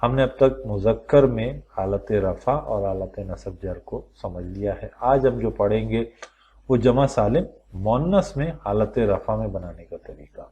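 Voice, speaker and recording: A male teacher with a low voice leads a recorded lesson. He walks through the material step by step and asks the class questions aloud. He slows down and draws out each word form when he lists examples. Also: animated, dark tone, muffled recording, a little hiss or hum. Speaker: Quran teacher.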